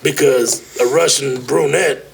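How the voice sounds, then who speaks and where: In a noisy home recording with a loud crowd audible, the uncle who co-hosts a casual podcast chats on, repeating words and often saying "dog." He's a middle-aged man with a medium-pitched voice, vocal fry and a measured pace.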